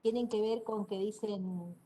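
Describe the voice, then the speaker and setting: Lecturer, female, northeastern Argentine accent, husky, mid pitch, demonstrates sounds while explaining. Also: fairly even intonation, unhurried, dark tone, poor audio. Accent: northeastern Argentine Spanish. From Corrientes, Argentina. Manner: explanatory, demonstrates pronunciations aloud. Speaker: university lecturer. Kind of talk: online class lecture.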